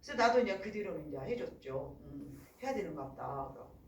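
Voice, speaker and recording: Middle-aged woman pastor, lively pitch, acts out voices, roomy church sound from a distance. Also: fairly quick, a little hiss or hum. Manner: animated storytelling, acts out voices. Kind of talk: sermon.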